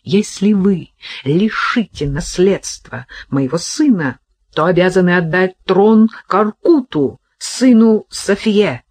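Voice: animated, slow pace, darkish tone, husky. Reader voicing a defiant scheming sultan's wife. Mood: defiant shouting. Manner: pleading, then shrill and defiant. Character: scheming, desperate sultan's wife, middle-aged.

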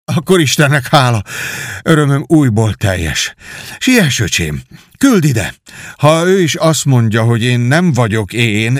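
A man's voice: medium pitch, wildly swooping pitch, husky, dry recording, studio quality, full character voice. A man voicing a desperate young nobleman who pleads and argues in agitated outbursts. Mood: urgent pleading.

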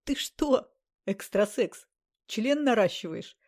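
A woman reading aloud and voicing a brash, cocky young man who teases loudly and bluntly. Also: sits high, animated, measured pace. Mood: mocking. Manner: loud, teasing, laughing.

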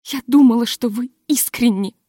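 A woman's voice: a little high, dark tone, slightly rough, no room sound, clean studio sound. Woman voicing a nervous masked society lady. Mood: pleading. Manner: halting, hysterical pleading.

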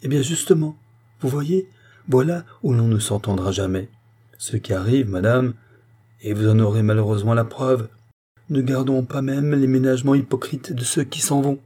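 An earnest, urgent statesman, read by a man lays out his warnings point by point. The voice is mellow and a little husky, pitched slightly up and pressing. It sounds like a classic novel read aloud as an audiobook. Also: normal speed, lightly acted. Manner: urgent, explanatory pleading. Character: earnest male politician warning a queen.

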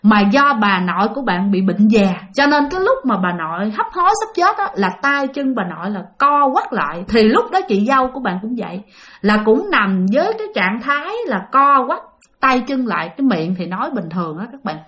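A woman's voice: fairly high pitch, a little fast. Woman telling a ghost story. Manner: animated retelling with acted quotes. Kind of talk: spoken ghost story narration.

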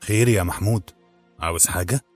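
A man's voice: sits low, a little fast, slightly rough, faint music behind. Man voicing a cool, guarded older madame. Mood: cold. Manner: cool, clipped, then softening. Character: aloof then tender foreign older woman.

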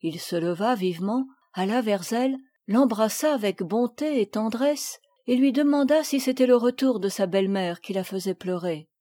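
A woman narrating a classic children's novel as an audiobook, measured and expressive. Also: fairly high pitch, dry recording. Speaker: audiobook reader.

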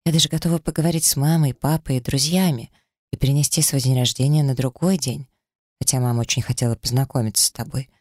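Male narrator voicing a gentle, easily hurt young woman in an audiobook; soft pleading lilt, dry close sound. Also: mid-range voice, steady tone, fast talker, no room sound, close to an everyday voice. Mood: tender. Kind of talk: audiobook character reading.

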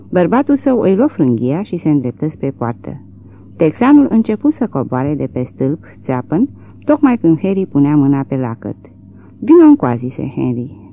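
A woman reading a literary novel aloud in a measured, expressive way. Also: low-pitched, highs cut off. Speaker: audiobook narrator. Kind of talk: literary audiobook narration.

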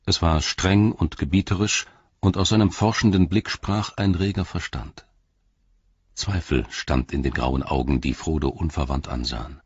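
A man reading an audiobook in a measured, even storytelling manner. His voice is low and husky. The recording is dry and somewhat dull. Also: no echo. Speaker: audiobook narrator. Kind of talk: scripted narration.

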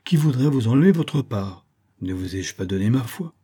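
A man's voice: medium pitch, animated, moderate pace, warm tone, breathy edge. A man voicing a crafty, greedy male fox who coaxes and pleads with veiled threats in a storybook reading. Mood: coaxing. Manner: coaxing, insistent, with veiled threats.

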